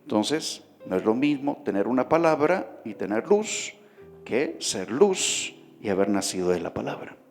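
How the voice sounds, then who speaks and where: A man's voice: mid-range voice, sing-song, a little slow. A man preaching a sermon, talking conversationally and often asking the congregation questions. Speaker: pastor. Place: church hall. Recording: reverberant hall with faint music behind.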